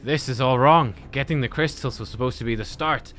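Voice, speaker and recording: A man's voice: mid-range voice, fairly quick, a bit bright, soft background music, natural voice. A man voicing a distraught young freedom fighter, earnest and faltering, in a fantasy game. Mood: distraught, remorseful.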